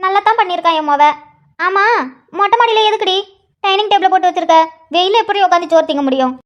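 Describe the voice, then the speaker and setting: A woman's voice: extremely high pitch, fast, muffled recording. A woman voicing a preachy village mother who scolds her grown daughter. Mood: nagging. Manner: nagging, preachy.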